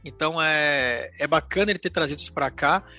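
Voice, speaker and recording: Bright-voiced Brazilian man, opinionated. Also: a little high, a little fast, soft background music. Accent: Brazilian Portuguese. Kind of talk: casual film review chat.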